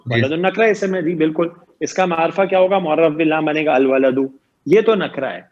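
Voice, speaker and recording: Man teaching grammar over muffled audio. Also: on the high side. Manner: explains patiently, asks students questions and repeats points. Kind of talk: online grammar lecture.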